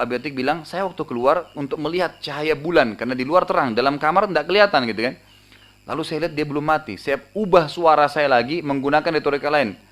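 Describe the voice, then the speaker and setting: Fast-talking male preacher telling stories. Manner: lively storytelling, acting out voices with pitch jumps. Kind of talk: storytelling sermon.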